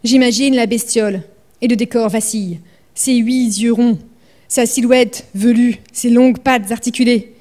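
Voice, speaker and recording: A woman's voice: on the high side, steady tone, moderate pace, darkish tone. A woman novelist vividly reading her own writing aloud at a library event, then speaking about her work. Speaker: author.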